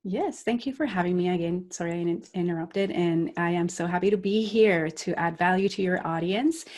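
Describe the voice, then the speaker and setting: A woman from Puerto Rico, a life coach, is interviewed on a podcast, speaking at a normal pace in a fairly low, slightly mellow voice. She is earnest and reflective, with many restarts and laughs along the way.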